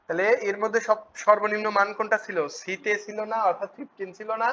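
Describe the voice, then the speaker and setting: A man teaching a spreadsheet class, often asking students quick check questions. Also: high-pitched, flat delivery, bright, forceful tone. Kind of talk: spreadsheet tutorial. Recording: dull lo-fi recording with faint noise.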